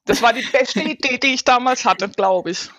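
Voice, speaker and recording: Slightly high-voiced woman in her forties. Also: normal speed, fairly bright tone. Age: 40s. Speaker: podcast guest. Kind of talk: casual podcast interview.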